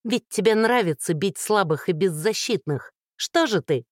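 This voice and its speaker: A reader voicing a furious young woman who shouts and taunts in an audiobook. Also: medium pitch, moderate pace, no echo, clean studio sound, pitched above the performer's own voice, close to an everyday voice.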